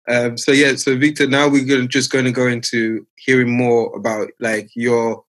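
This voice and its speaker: A man's voice: mid-range voice, little pitch movement, takes it slowly, a bit bright. A man hosting a casual interview podcast, asking curious, easygoing questions with fillers. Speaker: podcast host.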